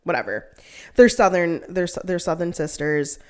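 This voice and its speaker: A young woman chats casually as a co-host, rambling through her stories with endless "like"s and quick laughs. Her voice sits a little low for a woman. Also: clear, resonant tone. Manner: rambling, heavy use of "like", laughs often. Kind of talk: casual chat.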